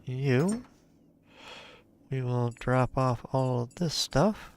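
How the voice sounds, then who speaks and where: A man's voice: medium pitch, lively intonation, very slow, slight background noise. A man giving casual gameplay commentary as a let's play host, thinking aloud and talking to his viewers.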